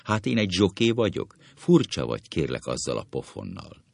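A man's voice: sits low, sing-song, creaky, darkish tone, no echo, full character voice. A man doing a blustering, cowardly writer. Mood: indignant. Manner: indignant ranting that collapses into nervous tittering. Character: vain, cowardly male writer boasting of spiritual superiority. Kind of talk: comic play reading.

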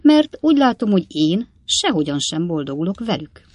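A reader voicing a boisterous, reckless young male apothecary in an audiobook, loud and excitable. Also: mid-range voice, slightly rough, dry recording. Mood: gleeful. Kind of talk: audiobook character voice.

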